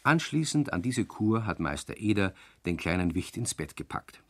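Ein Mann erzählt ruhig und gleichmäßig eine Hörspielgeschichte. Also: male voice, deep voice, moderate pace, no echo. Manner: calm, storytelling. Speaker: narrator. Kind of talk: scripted radio play narration.

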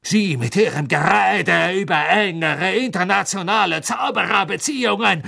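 A man voicing a proud, suspicious male headmaster who shouts in a shrill voice in an audiobook. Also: big pitch swings, slow, creaky, breathy edge, no room sound, studio quality, full character voice. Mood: furious.

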